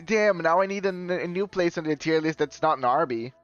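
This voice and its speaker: Brisk and clear, with a resonant, slightly high tone and no echo, a man chats casually with his stream viewers. He rambles a lot and corrects himself often, chuckling as he does. The audio is dull and lo-fi, with faint music playing.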